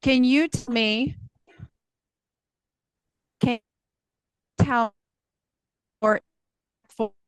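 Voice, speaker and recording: A woman's voice: on the high side, steady tone, clear, resonant tone, dry recording, rough recording. A woman moderating a webinar, asking a question over a video call whose audio breaks up and cuts out between words. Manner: halting, words dropping out between fragments. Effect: choppy call audio, breaking up and cutting out.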